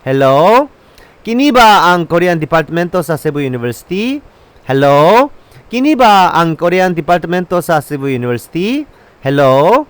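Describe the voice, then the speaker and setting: Lively man teaching phrases. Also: fairly high pitch, clear, resonant tone, dry recording. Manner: slow drilled repetition of phrases. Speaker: language teacher. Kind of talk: language lesson, repeating phrases.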